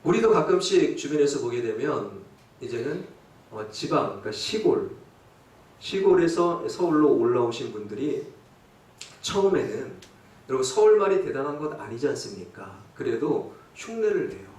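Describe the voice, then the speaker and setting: A man's voice: medium pitch, sing-song, moderate pace, darkish tone. A male pastor preaching a sermon, dramatic, asking rhetorical questions and acting out quotes in dialect. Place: church sanctuary. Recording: echoey church from a distant mic.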